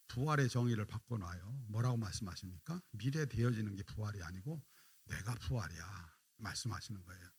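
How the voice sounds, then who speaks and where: A man leads a dawn prayer sermon in a husky voice with lively, wide-ranging pitch. He talks directly to the congregation, asks questions and answers them himself. When he quotes scripture he drops into softer, drawn-out lines. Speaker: pastor.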